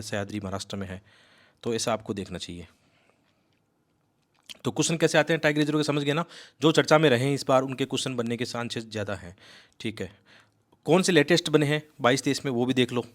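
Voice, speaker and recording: A man giving a rapid, emphatic exam-prep lecture, coaxing his students and mixing in English words. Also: medium pitch. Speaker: civil service exam coaching teacher. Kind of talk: fast explanatory lecture.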